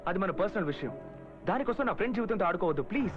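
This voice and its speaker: A man's voice: high-pitched, lively intonation, rapid-fire, over music. An actor playing a young man who pleads earnestly to get his injured friend admitted. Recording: dull movie audio with score.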